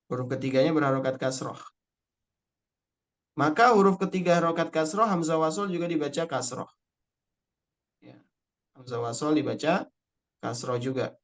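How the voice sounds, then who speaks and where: A young man teaching an online Arabic spelling lesson, patiently explaining rules step by step and repeating key words. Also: a little high. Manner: recites Quranic verses slowly in chant.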